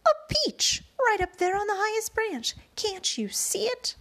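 A woman voicing a harsh, bossy, tall and bony aunt in a storybook reading, shrill and barking orders. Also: wildly swooping pitch, moderate pace, breathy edge, heavily acted. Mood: excited shouting.

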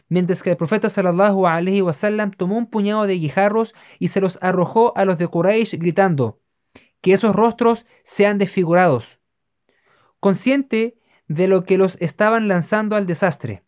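A narrator giving a steady, measured scripted reading of religious history. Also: medium pitch.

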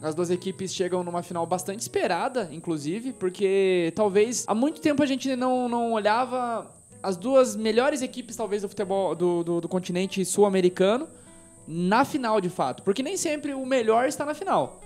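A host steers a casual football debate and puts questions to the panel. The voice sits at a middle pitch. Faint music plays behind. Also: expressive, moderate pace, darkish tone. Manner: leading, putting questions to panelists.

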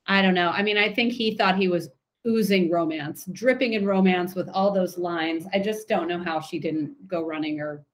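A woman's voice: on the low side, normal speed. A woman co-hosting a podcast, chatting casually and opinionatedly as she recaps a TV episode. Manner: chatty, opinionated, animated retelling. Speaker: podcast co-host.

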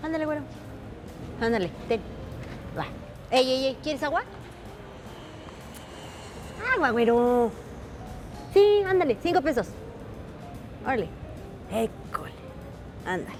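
A woman's voice: high voice, lively intonation, over music. A woman playing a pushy Mexican vendor. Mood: hustling. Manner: brisk, coaxing hustle.

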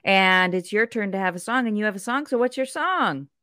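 A woman co-hosts a podcast in relaxed, playful conversation. Her pitch leaps around as she tells a story. The recording is dry and close to the mic. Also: a little fast, dry recording. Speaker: podcast co-host. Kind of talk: casual chat.

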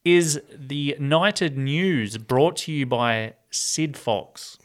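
A man's voice: on the high side, drawn-out words. A man with an Australian accent hosting a casual rugby league show in a matey, colloquial way. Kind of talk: casual sports chat.

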